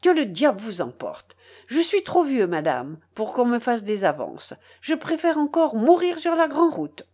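A woman's voice: medium pitch, huge pitch swings, moderate pace, hardly any pauses, slightly rough. Woman playing a blustering stout old man. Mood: indignant. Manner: blustering, shouting. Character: stout irascible old man, huffing with indignation.

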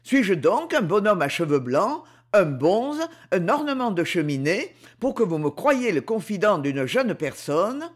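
A proud young man clips his answers short and bristles at every question, as a male audiobook reader voices him. His voice sits high for a man and swings widely in pitch, brusque and defensive in a storybook reading. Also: big pitch swings, unhurried, hardly any pauses, heavily acted. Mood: indignant. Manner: clipped, brusque replies.

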